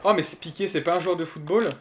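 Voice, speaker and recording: A man's voice: on the high side, fast talker, a bit bright, a little hiss or hum. A man streaming live, chatting casually and joking as he thinks aloud and answers his chat.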